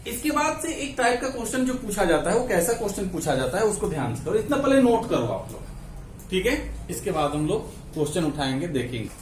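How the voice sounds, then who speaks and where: A male maths teacher works through problems with his class, mixing in English terms, counting steps aloud, and repeatedly checking in with "ठीक है ना". His voice is high-pitched and a little fast with wide pitch swings. The echoey classroom is captured by a distant mic with a little hiss or hum.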